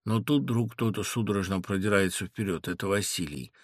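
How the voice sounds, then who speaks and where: A man's voice: fairly quick, dry recording, clean studio sound. A man reading a classic story aloud as narrator. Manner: acts out crowd voices with loud raised pitch. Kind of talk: literary audiobook reading.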